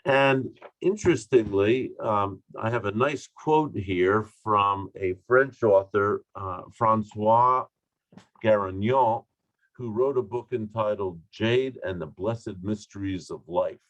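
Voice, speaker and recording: A man giving an online training talk on communication, deliberate and emphatic, with asides and fillers, recorded over a video call. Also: lowish voice, fairly bright tone, dry recording, lo-fi sound.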